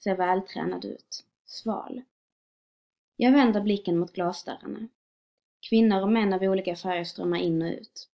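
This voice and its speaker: Woman calmly reading a short story. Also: mid-range voice, vocal fry. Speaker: reader. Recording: dull lo-fi recording.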